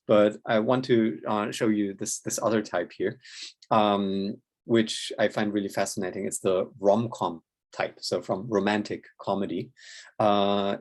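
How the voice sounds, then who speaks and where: A man's voice: on the low side, darkish tone. A man giving a recorded academic lecture, talking through results step by step, with many "uh" fillers and a questioning "yeah?" to check in with listeners. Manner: methodical, frequent tag "yeah?" and "uh" fillers. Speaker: linguistics lecturer. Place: indoors, room near a window with rain outside.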